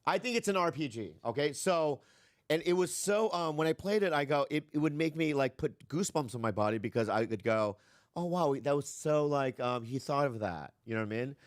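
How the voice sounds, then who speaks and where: A man hosting a casual podcast interview, excitable and loud, swearing freely and calling his guest dude. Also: a little high, fairly quick, no echo, clean studio sound. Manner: excitable, swears a lot, calls people dude. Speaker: podcast host.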